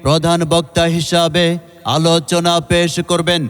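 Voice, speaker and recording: A man's voice: a little high, completely flat delivery, unhurried, a bit bright, smooth. A Bangladeshi man reading a scripted promotional announcement for a religious gathering in a formal, emphatic, declamatory way, repeating key phrases. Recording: long reverb, music behind.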